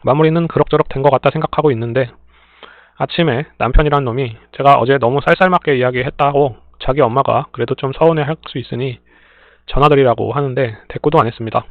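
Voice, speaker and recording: A man reading listener stories aloud in a plain, steady way, adding brief dry remarks between them. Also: medium pitch, quick pace, dry recording. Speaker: story reader and channel host. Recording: tinny phone-like dry sound.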